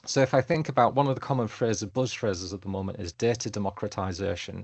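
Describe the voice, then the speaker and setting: Gravelly-voiced man presenting a webinar. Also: fairly low pitch, fast talker, dry recording. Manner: lively, fond of analogies, asks the audience questions. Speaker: webinar presenter, council data lead.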